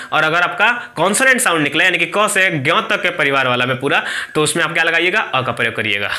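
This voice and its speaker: A man's voice: fairly high pitch, sharp tone. A man teaching a grammar lesson, explaining step by step and answering his own questions.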